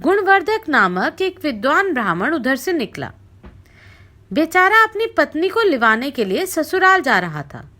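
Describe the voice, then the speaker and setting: A woman reading a scripture story aloud as narrator, with expressive recitation that dips low when addressing the king. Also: a little slow.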